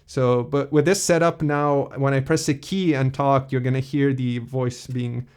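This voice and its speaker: A man's voice: mid-range voice, a little slow, clear, resonant tone. Male tutorial host, casual and explanatory, clean resonant voice, home studio feel. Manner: relaxed, explanatory, uses fillers like "kind of".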